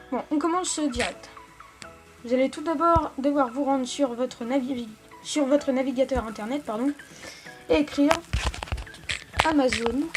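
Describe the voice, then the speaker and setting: A high-pitched woman hosts a casual phone app tutorial, guiding viewers one step at a time. Her delivery is halting and full of small self-corrections. Clear background music runs beneath her voice. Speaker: tech tutorial host.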